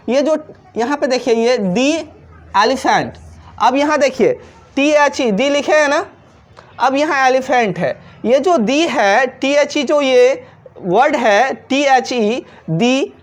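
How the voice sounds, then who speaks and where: A woman teaching a grammar lesson in Hindi at a board, repeating points and asking rhetorical questions, with examples. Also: high-pitched. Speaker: English teacher.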